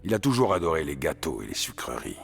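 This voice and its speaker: Grizzled game brawler, very low voice, husky, blunt and dry-humored, faint music underneath. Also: male voice, huge pitch swings, fast, heavily acted. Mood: gruff. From Canada. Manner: blunt, sardonic, laid-back. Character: gruff grizzled male mutant brawler, blunt. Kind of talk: French video game dub.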